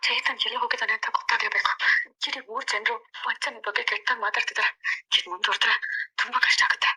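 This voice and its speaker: A woman playing an anxious, husky wedding guest. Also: on the high side, steady tone, fast talker, sharp tone, exaggerated voice, low-quality recording. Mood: worried.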